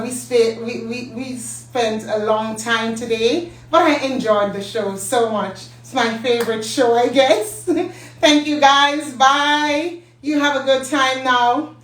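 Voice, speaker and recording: A woman hosting a live stream and giving away a prize, teasing her viewers and laughing often. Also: on the high side. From Jamaica. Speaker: host and company CEO. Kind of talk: casual live-stream giveaway. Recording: echoey room, mic at a distance.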